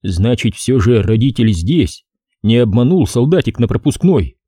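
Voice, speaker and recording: A male audiobook narrator reads a story expressively. His voice is dark and husky, with lively swings of pitch. The recording is dry, with no room sound at all. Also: moderate pace, no room sound. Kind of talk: scripted narration.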